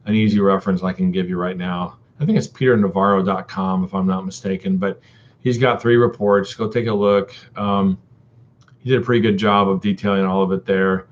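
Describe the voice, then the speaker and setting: A man's voice: low voice, fairly even intonation, brisk. A man chatting casually on a live stream, rambling with many ums and uhs and calling viewers buddy and dude. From Texas. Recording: dull lo-fi stream audio.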